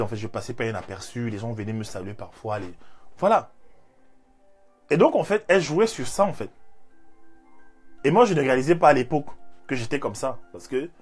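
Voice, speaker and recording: A man, giving an animated, repetitive motivational faith talk as a life coach. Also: mid-range voice. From Cameroon. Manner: animated, repeats phrases, leans on fillers.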